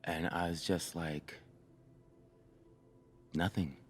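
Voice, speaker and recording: A man in his sixties telling his own life story slowly and reflectively, with many pauses and fillers. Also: extremely low pitch. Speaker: church member sharing his story. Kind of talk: personal storytelling in a conversation. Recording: reverberant room.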